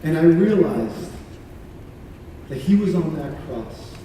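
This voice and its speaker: A remorseful condemned criminal, played by a man in a church monologue, speaking earnestly in halting phrases with repeated words. His voice sits high for a man. It rings through a large reverberant hall, picked up from far away. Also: lively intonation, mellow, slight background noise. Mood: awed confession.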